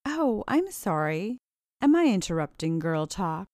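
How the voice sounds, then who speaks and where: Smug mocking bully guy, read by a woman, a bit lower, dry close sound. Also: lively intonation, normal speed, no echo, lightly acted. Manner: smirking and teasing.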